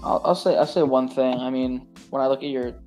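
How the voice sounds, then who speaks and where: A man's voice: medium pitch, brisk, a little mellow, soft background music. A man co-hosting a casual podcast, joking and teasing crudely, with hesitant fillers. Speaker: podcast co-host. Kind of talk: casual chat.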